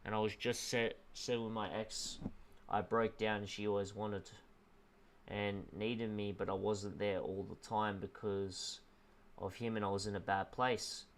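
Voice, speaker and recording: A young man livestreaming, earnestly talking a viewer through loss in a halting, emotional way, close to tears. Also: fairly low pitch, flat delivery, slight background noise. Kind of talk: emotional heart-to-heart with a viewer on stream.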